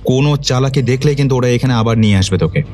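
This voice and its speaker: A man's voice: mid-range voice, fast talker, darkish tone, faint music behind, close to an everyday voice. A man as a firm, commanding police detective. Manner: firm, authoritative questioning.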